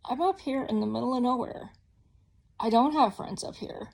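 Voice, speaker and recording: A woman's voice: a little high, normal speed, creaky, darkish tone. A woman talking candidly in a casual personal vlog, rambling with frequent ums. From Georgia, US. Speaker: vlogger.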